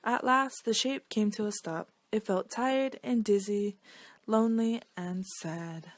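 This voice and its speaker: A woman reading a children's picture book aloud in an expressive storytelling style. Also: medium pitch, measured pace, no room sound.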